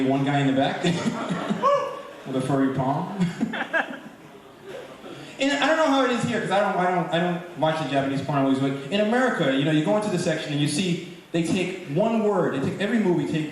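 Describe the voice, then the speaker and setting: A man from doing a chatty stand-up comedy set in a comedy club, teasing the crowd. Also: on the high side. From Brooklyn, New York. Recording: echoey live club recording from far off, crowd noise.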